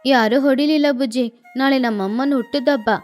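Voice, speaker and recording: Plaintive, earnest, gentle boy crow, high voice, cartoon, voiced by a woman. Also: steady tone, moderate pace, soft background music, close to an everyday voice. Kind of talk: cartoon voice acting.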